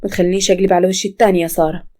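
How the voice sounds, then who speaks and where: A woman's voice: fairly low pitch, flat delivery, racing, warm tone, natural voice. A woman voicing a domineering older woman boss who scolds sharply. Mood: scolding. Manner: scolding, bossy.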